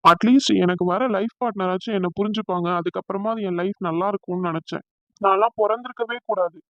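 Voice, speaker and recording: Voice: mid-range voice, fast, fairly bright tone, dry recording, highs cut off, lightly acted. A performer voicing a hurt, resentful young man in a cartoon, brooding and bitter. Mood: despairing.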